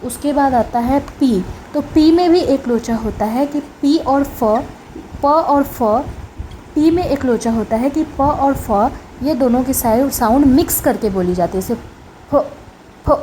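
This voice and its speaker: A woman's voice: sits high, a little slow, warm tone, a little hiss or hum, low-quality recording. A woman teaching phonics in a casual spoken lesson, saying each sound several times over.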